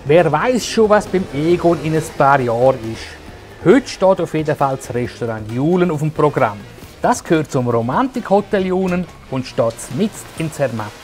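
Narrator guy, wry dry voice-over, slightly higher pitch, faint music under it. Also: expressive, moderate pace, darkish tone.

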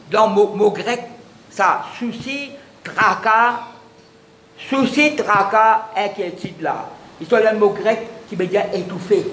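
A man's voice: sits high, a bit bright. A man preaching a sermon as pastor, mixing French with Creole and repeating words to his congregation. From Mauritius. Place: church hall. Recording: echoey church with faint room noise.

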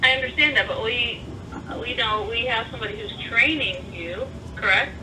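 Distant telephone audio, clear noise, female store worker, blunt questioning customer service manner. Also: a little high, moderate pace. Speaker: store employee answering the phone. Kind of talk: customer service phone call. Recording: noisy, distant telephone line on speaker.

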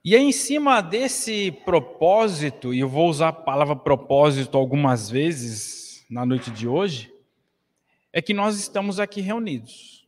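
A man's voice: on the high side, expressive, a little slow. A man in his forties with a Brazilian accent, giving an earnest spiritist lecture at a lectern with expansive gestures, speaking into a stand mic in a small hall. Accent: Brazilian Portuguese. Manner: earnest, preaching with wide gestures. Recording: long hall reverb.

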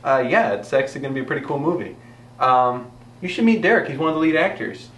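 Frantic exasperated young director, echoey. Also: male voice, medium pitch, expressive, a bit bright. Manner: frantic, exasperated, talks fast. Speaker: rookie film director. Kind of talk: comedy sketch acting. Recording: echoey room from far off, faint noise.

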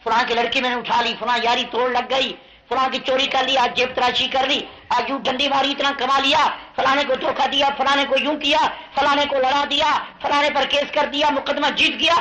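High bright-voiced man preaching a rhyming sermon. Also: level tone. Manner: rhythmic rhyming cadence, calling the crowd to respond; rises into impassioned shouts. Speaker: Islamic preacher. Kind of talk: rhyming fiery sermon to a crowd. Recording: dull lo-fi 1982 tape of a live gathering.

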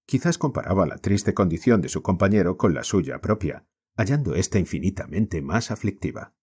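A male audiobook narrator with a Spain accent reads a classic novel in a measured, declamatory manner. His voice is low with a husky edge. The pitch rises and falls with lively expression.

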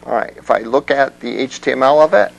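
A man's voice: medium pitch, animated, brisk, gravelly, dull audio. A man teaching a web development class in a classroom, explaining things conversationally and often checking in with the students. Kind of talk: classroom lecture.

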